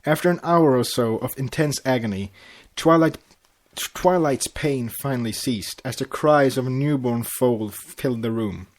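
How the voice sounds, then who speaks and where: An amateur podcast host reads fan fiction aloud, narrating the story while tripping over words and correcting himself. He has a mid-range voice and a slightly slow pace.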